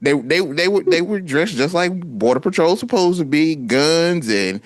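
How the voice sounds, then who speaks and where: Animated storytelling man, dry sound. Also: a little high, normal speed, no echo. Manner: animated storytelling, acts out quotes. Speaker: podcast co-host. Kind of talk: casual chat.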